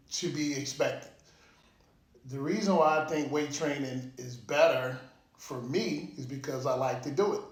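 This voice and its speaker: A man talks casually and informally in a motivational monologue, like a fitness vlogger, with the occasional swear word. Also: medium pitch. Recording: echoey room.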